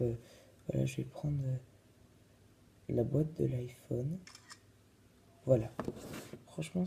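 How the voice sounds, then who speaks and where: A man's voice: mid-range voice, gravelly, dark tone, a little hiss or hum. A man casually reviewing a phone in his vlog, hesitant and full of fillers. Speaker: vlogger.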